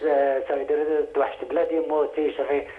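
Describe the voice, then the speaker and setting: Male phone-in caller, Kabyle Algerian accent, halting broken French with repetitions, narrow phone-band sound. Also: fairly high pitch, little pitch movement. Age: middle-aged or older. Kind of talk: casual phone chat. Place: phone call to a TV show. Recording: tinny phone line.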